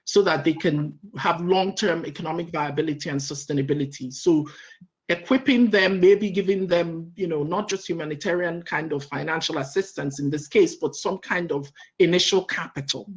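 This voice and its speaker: Speaking at a normal pace in a low voice, this middle-aged woman from Nigeria responds energetically on a panel. She runs through her points in a list and keeps checking in with "right?"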